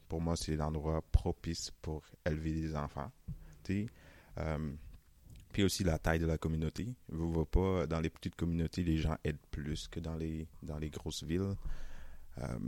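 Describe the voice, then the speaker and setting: A young man from Senegal with a Senegalese French accent softened by Canadian French, chatting easily in an interview and laughing often. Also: very deep voice, no room sound. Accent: Senegalese French, softened toward Canadian French. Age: young adult. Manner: relaxed, chatty, laughs often, many "euh" and "tu sais". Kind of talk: casual interview.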